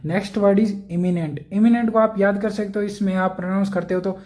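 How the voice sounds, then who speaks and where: Guy teaching vocab, kinda high voice but soft and mellow, keeps checking in w/ students. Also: fairly even intonation, normal speed. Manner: explains step by step, often checks in with "theek hai". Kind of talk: casual lecture.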